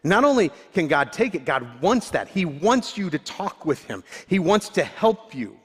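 A man's voice: fairly high pitch, sing-song, moderate pace, slightly rough. A male pastor giving a sermon, candid and self-deprecating, often restarting his sentences. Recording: long hall reverb.

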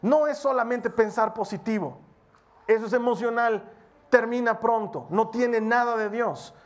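A preacher giving a sermon in an earnest, exhorting manner, speeding up and slowing down for emphasis. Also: mid-range voice. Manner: acts out short quoted prayers and dialogue.

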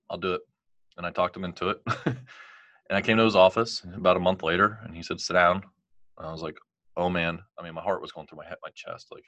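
Recounting a personal story as a guest, a man speaks in a forceful voice that's deep but bright. He's animated, quotes what others said, and leans on fillers such as "like" and "you know." The casual chat is recorded dry and close, without any echo.

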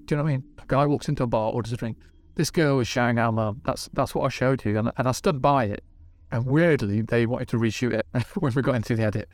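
A man, a TV director, telling animated casual stories on a podcast, swearing and acting out what people said. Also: mid-range voice, no room sound. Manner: animated, swearing, acts out dialogue. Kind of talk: casual storytelling. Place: podcast studio.

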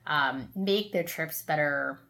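A young woman in casual chat who shares strong opinions and reacts quickly. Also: deep voice, creaky, a bit bright.

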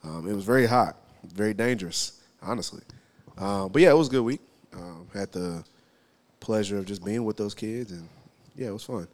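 A man from Texas co-hosting a casual podcast with a dry, teasing, sarcastic streak. His voice sits on the low side. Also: moderate pace. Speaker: podcast co-host. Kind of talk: casual chat.

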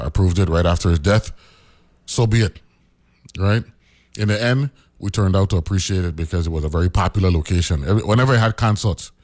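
Telling a story in a relaxed, conversational way, this middle-aged Virgin Islands radio host often ends his sentences with "right?". He has a Virgin Islands accent and a low-pitched, slightly mellow voice.

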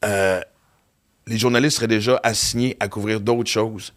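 A man's voice: fairly low pitch, steady tone, moderate pace, a bit bright. A man with a Quebec French accent, hosting a podcast in casual chat, rambling and repeating himself with a lot of slang. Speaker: podcast host.

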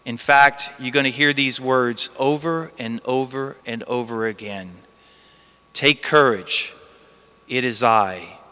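A man's voice: medium pitch, takes it slowly, sharp tone, clear, resonant tone. A priest reading the gospel and preaching emphatically, with repeated phrases, his voice ringing in a large church's cathedral echo. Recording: long echoing church reverb.

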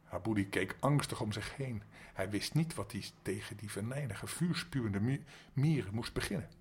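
An older man reading a bedtime story aloud to his grandchildren in a lively manner. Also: lowish voice, moderate pace, slightly rough.

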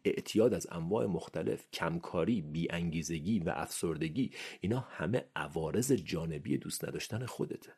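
Deep gravelly man hosting a podcast. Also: a little mellow. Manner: earnest, addresses listener directly, rising emphasis on key phrases. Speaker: podcast host. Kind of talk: motivational podcast monologue.

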